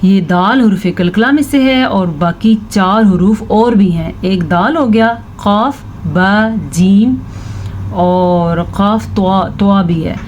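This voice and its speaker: A woman teaching tajweed, slowly reciting verses and patiently explaining how each letter is pronounced. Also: medium pitch, a little mellow, a little hiss or hum. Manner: slow, drawn-out recitation of verses between quick spoken explanations; patient, instructive, repeats each word to correct common mistakes. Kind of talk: tajweed lesson with recited examples.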